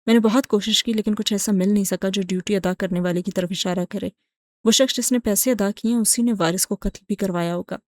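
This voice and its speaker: A woman narrating a romantic novel as an audiobook in a steady storytelling voice. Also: medium pitch.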